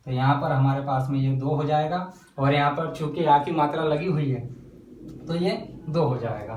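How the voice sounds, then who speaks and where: A man teaching a lesson on counting syllables in verse, speaking slowly and breaking words into syllables as he writes them out. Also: on the high side, reverberant, far from the mic, poor audio. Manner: slow, spells out syllables while writing. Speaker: Hindi poetry teacher. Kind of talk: whiteboard lesson.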